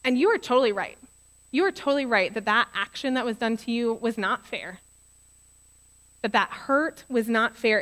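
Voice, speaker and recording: A woman's voice: a little high, fairly bright tone. A young adult woman pastor preaching a sermon in a conversational, earnest way, animating the story she retells.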